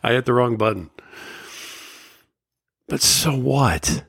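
A podcast host talks candidly and motivationally on his solo show, his voice slightly scratchy from a summer cold. It's mid-range, slow and fairly bright, with vocal fry and a breathy edge, captured as clean studio sound with no room tone.

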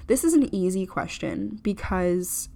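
A woman's voice: mid-range voice, lively intonation, measured pace, creaky, warm tone. A young American woman hosting her own podcast, talking casually in a rambling, chatty way, full of "like" fillers and blunt swearing. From United States. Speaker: podcast host. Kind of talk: casual solo podcast chat.

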